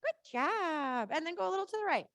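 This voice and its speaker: A woman's voice: very high-pitched, animated, fairly quick, a bit bright, no room sound, studio quality. A woman working as a riding coach, calling out short, repeated cues live in an encouraging, informal and reassuring way.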